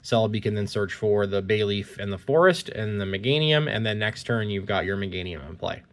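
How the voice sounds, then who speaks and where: This man's voice is lowish and animated, moving a little fast as he opens trading cards and reads their text in a relaxed way. He has a slight cold-induced congestion, and the clip is a point-of-view phone recording.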